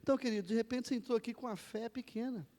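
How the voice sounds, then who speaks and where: Man, Brazilian accent, pastor, fervent sermon, very high voice, long church reverb. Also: racing. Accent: Brazilian Portuguese. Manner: impassioned preaching that climbs from low, earnest pleading to loud shouted exhortation.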